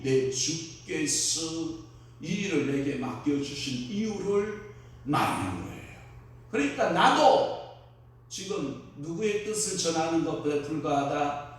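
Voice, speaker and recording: A man's voice: fairly high pitch, far from the mic. A male pastor preaching an expository sermon, emphatic and often quizzing the congregation with questions. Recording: very echoey hall, speaker away from mic.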